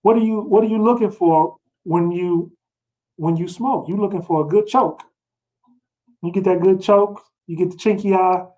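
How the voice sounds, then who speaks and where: A middle-aged Bible teacher leads a read-along, teaching scripture informally and colloquially with personal anecdotes and checking in with listeners through rhetorical questions. His voice is high and warm, at a normal speed, and the recording is rough.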